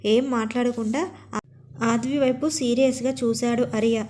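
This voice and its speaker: A woman with a fairly high voice reads a scripted story aloud. Her delivery is steady and expressive, carrying the listener through each scene. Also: moderate pace, slight background noise.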